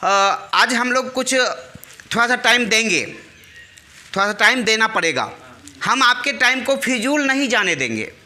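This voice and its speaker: High bright-voiced man rallying farmers. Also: unhurried. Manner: animated, leads call-and-response chants; coaxing, teacherly, asks listeners to answer back. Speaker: channel host addressing farmers. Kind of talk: live talk to a crowd of farmers. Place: outdoors at a village temple among farmers.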